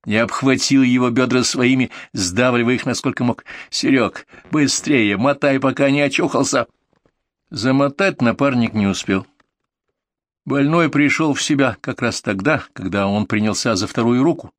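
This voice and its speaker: A man reading a first-person story aloud in steady, vivid audiobook narration. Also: medium pitch, moderate pace, dry recording.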